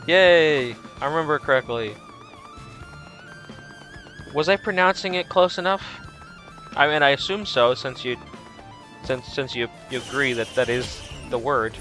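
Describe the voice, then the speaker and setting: Young guy streaming a game, bright voice, rambly chat, little bit of music underneath. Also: mid-range voice, measured pace, long pauses. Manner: rambling, chatty, frequent restarts.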